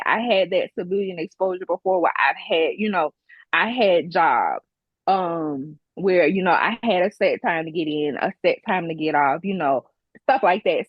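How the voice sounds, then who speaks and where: Southern woman guest, Mississippi-Alabama twang, lively storyteller, dry slightly dull recording. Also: on the low side, no echo. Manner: lively storyteller, acts out voices in anecdotes. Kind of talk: casual interview chat.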